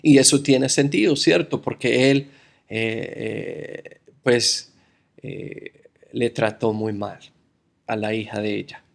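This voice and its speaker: A man's voice: medium pitch, steady tone, slow, gravelly. A man from the United States preaching a sermon, addressing the congregation as brothers and telling a story from his childhood.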